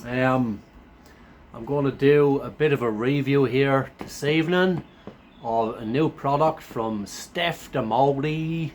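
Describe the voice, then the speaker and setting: A man chatting casually to camera as a food reviewer, laid-back and blokey, his voice thick and hoarse from a sore throat and sounding run down. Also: medium pitch, slow, a little mellow, slight background noise. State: run down after a chest infection.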